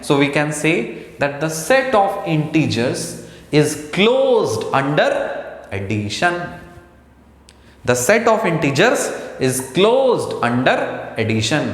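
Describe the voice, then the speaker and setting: A man teaching a maths lecture, slow and deliberate, who asks the class questions and answers them himself. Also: on the high side, a bit bright. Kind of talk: lecture mixing Hindi and English. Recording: echoey room with long reverb.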